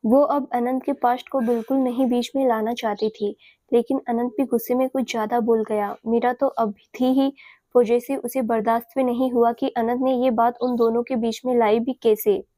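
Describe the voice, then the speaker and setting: Woman narrator for a romance audio story, voices the lovers herself; higher pitch, mellow tone. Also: level tone, normal speed, no echo. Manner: reads both lovers' lines in her own voice.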